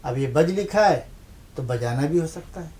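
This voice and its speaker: A man's voice: on the high side, expressive, darkish tone. Patient man teaching Urdu letters. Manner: patient, asks questions then answers them himself; repeats key points for emphasis. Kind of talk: televised language lesson.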